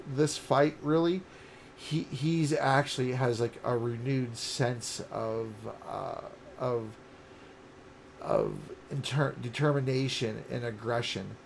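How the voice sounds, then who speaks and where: A man in his late thirties narrating as dungeon master, halting with fillers and restarts. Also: mid-range voice, creaky, a little hiss or hum. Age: late 30s. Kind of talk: narrating a tabletop game.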